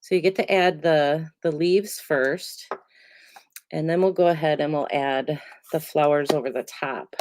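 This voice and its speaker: A low-voiced woman, still congested as she gets over a cold, chats through a casual card-making tutorial, rambling and relaxed, with plenty of ums as she works. She speaks unhurriedly, and the recording is close and dry.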